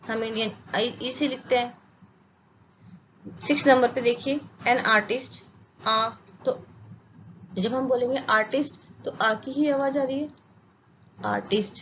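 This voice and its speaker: A woman's voice: a little high, slight background noise. A woman teaching an English grammar lesson with an Indian accent. She asks questions, answers them herself, and checks that her students follow. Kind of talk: classroom lesson explaining grammar. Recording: dull lo-fi sound with faint ambience.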